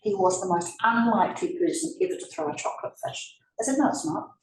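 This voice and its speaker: Fast and expressive, a woman with a New Zealand accent and a darkish, medium-pitched voice presents to a live audience in an event room, turning aside to speak to the listeners. Some hiss or hum sits under the roomy, far-off recording.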